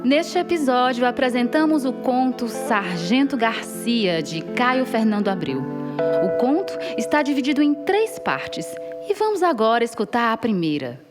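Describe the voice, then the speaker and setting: A woman with a Brazilian accent presenting a podcast, announcing credits and the episode in a lively, clear way. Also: fairly high pitch, normal speed. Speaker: podcast host. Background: guitar music.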